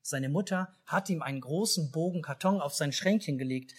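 A man with a German accent telling a children's Christmas story in a church service, speaking lively and asking the children questions. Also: a little high, normal speed, breathy edge. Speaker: pastor.

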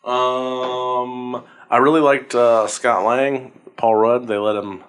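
A man's voice: mid-range voice, flat delivery, slow, a bit bright, clean tone. A man co-hosting a podcast, chatting casually about a film in a wry, teasing way. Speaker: podcast co-host. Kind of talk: casual movie-review chat.

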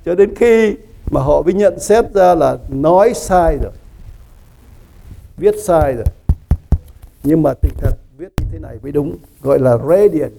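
A man preaching a sermon in a church, his voice high and gravelly with a dark tone. He teaches in an animated way, quizzing his listeners and laughing at his own jokes. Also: unhurried, long pauses, faint music behind, poor audio. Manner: animated teaching, asks the congregation questions; laughs often, joking asides. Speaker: pastor.

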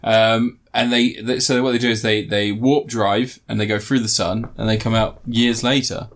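A man retelling a film in casual chat, rambling, swearing and jumping into high put-on voices for the characters. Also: little pitch movement, moderate pace. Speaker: podcast co-host.

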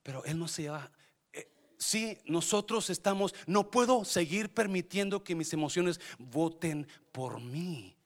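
A man, preaching a sermon as pastor, swinging from quiet asides to shouted climaxes and dropping in English phrases. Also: on the high side, lively intonation, unhurried.

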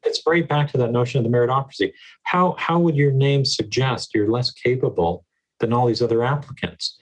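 A man's voice: mid-range voice, fairly quick, low-quality recording. A man speaking as a guest educator in an interview, emphatic and repeating words for stress. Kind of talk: earnest conversational interview.

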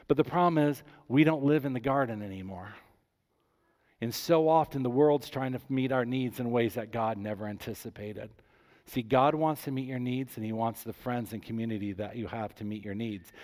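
Animated male pastor in a reverberant hall. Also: medium pitch. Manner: animated, swings from soft to loud. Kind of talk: sermon.

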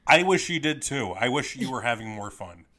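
A man's voice: medium pitch, expressive, moderate pace, sharp tone. A man co-hosting a podcast, easygoing and teasing, laughing a lot. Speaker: podcast co-host. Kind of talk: casual podcast chat.

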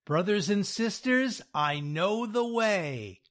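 A man reads the part of a crafty old leader of a church group, drawling his plans slowly. The voice sits high and swings widely. It comes across as a storybook figure. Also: lively intonation, a bit bright, exaggerated voice. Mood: scheming.

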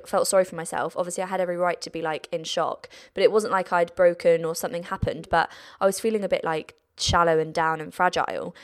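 Young woman, british, lowish voice, casual podcast chat, emotional, animated quoting. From United Kingdom. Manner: chatty, emotional, quotes family in lively voices. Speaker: guest.

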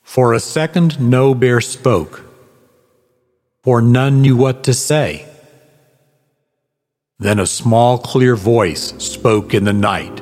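A man hosting and narrating a rhyming audio drama in a measured storytelling voice. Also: mid-range voice, darkish tone. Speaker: narrator and host.

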